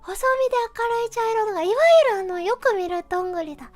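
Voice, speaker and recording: Super high voiced cute girly young woman streamer, giggly casual chat w viewers, music on. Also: fast talker. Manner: cutesy, refers to self in third person; animated, giggly. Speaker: livestream host chatting with viewers. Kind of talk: casual livestream chat, reading out comments.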